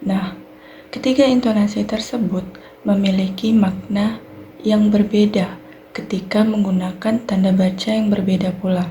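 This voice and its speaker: A young woman with an Indonesian accent, a university student giving a clear, methodical recorded class presentation on sentence structure. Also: mid-range voice, fairly even intonation, moderate pace, warm tone, a little hiss or hum. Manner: clear explanatory delivery, fillers like "nah" and "baik".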